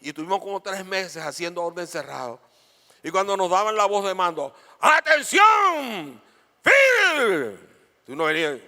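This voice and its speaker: A man's voice: high-pitched, a little fast. A man preaching a sermon as pastor, telling stories and tossing questions to the congregation. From Venezuela. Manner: lively storytelling with questions to the congregation. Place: church auditorium. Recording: long hall reverb.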